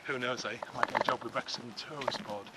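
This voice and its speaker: A man's voice: medium pitch, fairly even intonation, fast. Chatty middle-aged man vlogging outdoors. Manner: chatty, self-deprecating, rambling. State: slightly out of breath. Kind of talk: casual walking vlog narration. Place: outdoors on a woodland walk. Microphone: camera-mounted mic while walking. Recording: outdoor noise and clicking.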